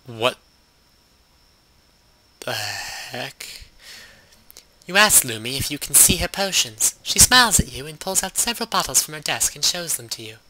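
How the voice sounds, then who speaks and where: A young man hosting a game playthrough, reading on-screen text aloud with sarcastic, deadpan asides. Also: a little high, unhurried, pauses often, poor audio. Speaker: let's play host.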